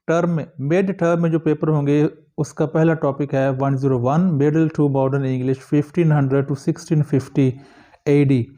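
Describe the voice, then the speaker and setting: A male teacher giving a recorded lecture to students, reading English passages slowly and then explaining each one. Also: a little high, dark tone. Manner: addresses students directly.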